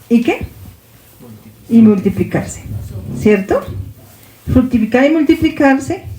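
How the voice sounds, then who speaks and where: Colombian Spanish woman teacher, mellow and fairly high voice, echoey room, questions for the flock. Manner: checks in with listeners by asking questions. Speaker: Bible teacher. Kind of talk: congregational Bible teaching.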